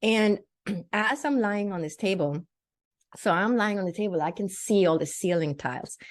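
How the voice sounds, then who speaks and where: An older Swedish woman, a naturopathic doctor and spiritual teacher, appears as an interview guest and tells a personal story in vivid detail, acting out quotes. Her medium-pitched voice is animated at normal speed, recorded in studio quality with no echo.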